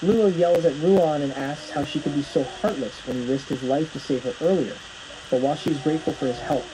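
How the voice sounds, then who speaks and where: A man's voice: on the high side, noisy background. A man narrating a plot recap from a script, telling the story as it unfolds.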